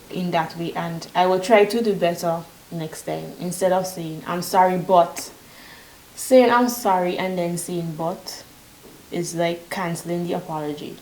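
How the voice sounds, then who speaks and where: Woman giving relationship advice, kinda low voice, teacher-y, keeps saying "right?", echoey room. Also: fairly even intonation, moderate pace, darkish tone, slight background noise. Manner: instructive, repeats example phrases with emphasis, frequent "right?" tag questions. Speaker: relationship advice channel host. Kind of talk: solo advice talk to camera.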